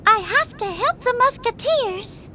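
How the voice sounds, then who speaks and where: Squeaky cartoon mouse princess, Minnie Mouse. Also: female voice, expressive, unhurried, bright, forceful tone, slight background noise, full character voice. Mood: worried, grateful. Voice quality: squeaky, high. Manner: earnest, genteel. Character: cartoon mouse princess, sweet, earnest, anxious and gracious. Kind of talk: scripted video game cutscene acting.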